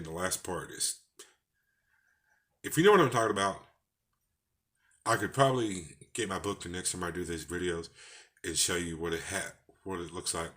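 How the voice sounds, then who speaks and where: A vlogger with a Texas twang speaks in a low, bright, forceful voice in his casual personal vlog. He rambles in a folksy way, with false starts along the way.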